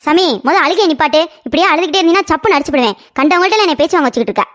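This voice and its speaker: A woman voicing a sharp-tongued mother in a cartoon story, scolding and quarrelling with a neighbour. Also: sits high, animated, racing. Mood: quarrelsome.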